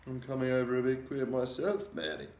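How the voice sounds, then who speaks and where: A man's voice: medium pitch, animated, fairly quick, a little mellow, pitched above the performer's own voice, close to an everyday voice. A man voicing an elderly queen. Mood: alarmed, regal. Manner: refined, upper-class, exclaiming. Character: elderly queen, regal, shaken by a nightmare. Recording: roomy echo.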